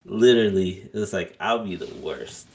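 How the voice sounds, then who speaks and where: A man's voice: deep voice, animated, moderate pace, darkish tone. A man in his twenties co-hosting a podcast, chatting casually and rambling with lots of "like" fillers. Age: 20s. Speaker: podcast co-host. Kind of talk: casual chat.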